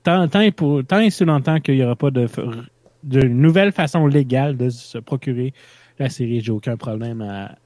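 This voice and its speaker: A man's voice: mid-range voice, normal speed, darkish tone, no echo. A man from Quebec with a Québécois accent co-hosting a casual podcast in a loose, chatty way. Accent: Québécois French. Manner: loose, chatty, laughs easily. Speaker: podcast co-host.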